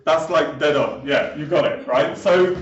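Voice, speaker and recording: A man's voice: on the high side, unhurried. A young man from London teaching students in a classroom, chatty, tagging lines with "right?". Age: young adult. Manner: chatty, keeps checking in with "right?". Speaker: linguistics lecturer. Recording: echoey room, far from mic, dull sound.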